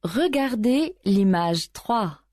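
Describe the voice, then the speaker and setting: A woman announcing question numbers and answer letters in a deliberate, even way. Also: mid-range voice, no echo, clean studio sound. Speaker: exam announcer.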